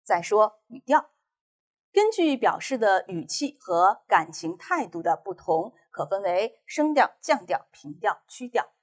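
Chinese woman teacher doing an online lesson, calm and clear, voice goes up and down a lot, slightly breathy. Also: medium pitch. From China. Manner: clear, measured explanation of reading techniques. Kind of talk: recorded online class lecture.

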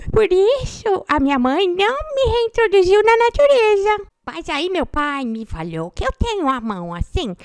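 High-pitched little male parakeet voiced by a woman, São Paulo accent, slow playful talk, lively pitch. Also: no echo, clean studio sound, heavily acted. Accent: Brazilian Portuguese, São Paulo. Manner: slow, playful, childlike storytelling. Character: sweet little male parakeet, friendly and goofy. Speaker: pet owner voicing her parakeet.

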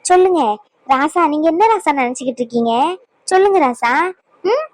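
A woman plays a stern middle-aged mother-in-law in a cartoon drama, lecturing her family at length in a high voice. The recording is dry and close. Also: expressive, normal speed, dry recording. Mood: sarcastic. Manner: lecturing, scolding. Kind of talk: Tamil cartoon drama voice acting.

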